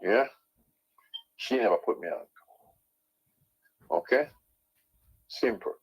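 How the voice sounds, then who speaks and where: A man with a Jamaican accent and a husky voice, ranting as a caller to a radio show, insistently repeating his points with tag questions. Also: on the low side, expressive, slow. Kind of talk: opinionated radio call-in rant. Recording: dull lo-fi sound.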